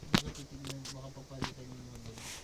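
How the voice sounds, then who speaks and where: A woman in casual chat who speaks in a relaxed, matter-of-fact way and hesitates now and then. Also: very deep voice, fast talker. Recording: loud background noise.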